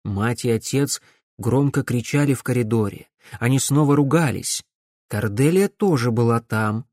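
A man narrating a dark fantasy audiobook in a measured storytelling manner. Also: medium pitch, no room sound, clean studio sound.

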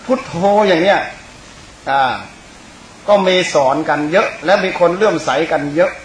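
High-voiced monk preaching in an echoey room. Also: male voice, moderate pace. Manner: conversational, rambling, addresses listeners directly. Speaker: Buddhist monk teacher. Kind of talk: informal Dhamma sermon. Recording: echoey room, clear background hiss.

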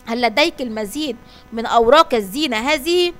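A woman reading as a quiet twelve-year-old girl. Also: on the high side, lively intonation, fairly quick. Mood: gentle.

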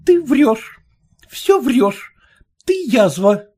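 A woman voicing a haughty, irritable young married woman in an audiobook, with a sharp, scornful manner. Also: high-pitched, lively intonation, moderate pace, pitched above the performer's own voice. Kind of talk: audiobook reading.

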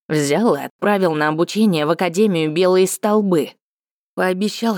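Woman reader doing a vengeful male cat-folk villain for a fantasy audiobook, cold and low, dry close read. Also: a little mellow, no echo, natural voice. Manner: cold, low and hissing with hatred. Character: bitter vengeful male cat-folk lord, middle-aged.

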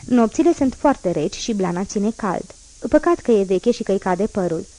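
A woman narrating a classic novel as an audiobook, in a measured, even reading voice. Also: mid-range voice.

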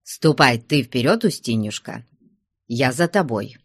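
A woman voicing a flustered, anxious man who pleads in a hushed voice. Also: a bass voice, lively intonation, measured pace, breathy edge, no room sound, clean studio sound, voice pushed down, heavily acted. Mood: cautious.

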